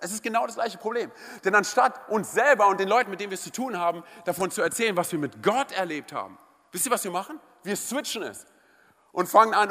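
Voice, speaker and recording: Energetic high-voiced preacher. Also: male voice. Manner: energetic, conversational, asks the congregation "oder?". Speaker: pastor. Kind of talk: lively sermon. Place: church service hall. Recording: live church hall reverb.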